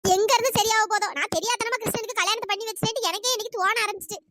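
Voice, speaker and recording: A woman's voice: extremely high pitch, steady tone, racing. A woman playing an indignant scolding mother. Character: indignant middle-aged mother, quick-tempered. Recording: noisy home recording.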